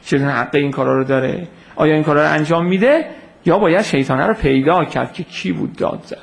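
A man giving an informal lecture on religious history, telling the story lively and answering questions from his listeners. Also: fairly high pitch, creaky. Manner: animated storytelling, acts out quoted voices, takes audience questions.

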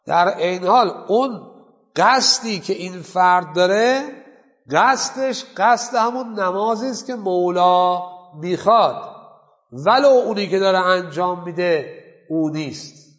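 A man with a high voice gives a seminary lecture on Islamic law. He poses questions to the class and answers them himself. The sound is muffled and lo-fi, with a long reverb tail from a large hall. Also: fairly bright tone. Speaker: seminary teacher.

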